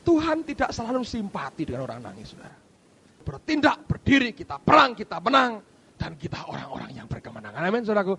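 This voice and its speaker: A middle-aged male pastor preaching with a high, swooping voice and a gravelly, husky edge. He drives his points home with sudden loud outbursts, then drops into quiet asides. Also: wildly swooping pitch, fast talker. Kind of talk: sermon.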